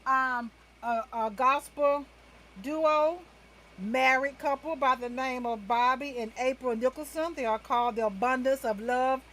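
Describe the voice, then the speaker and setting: A woman's voice: high-pitched, unhurried, a bit bright, a little hiss or hum, poor audio. A woman hosting a casual makeup livestream from indoors at home, chatting with viewers and calling them y'all. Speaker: talk show host doing a makeup livestream.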